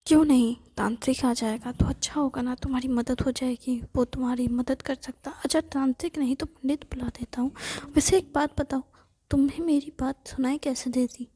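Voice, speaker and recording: A fretful young man muttering to himself, as a woman puts him on in a whispered role-play. His voice is a breathy, fairly flat whisper, dark and soft. The delivery stays steady. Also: high voice, moderate pace. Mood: puzzled. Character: nervous young man talking to a ghost.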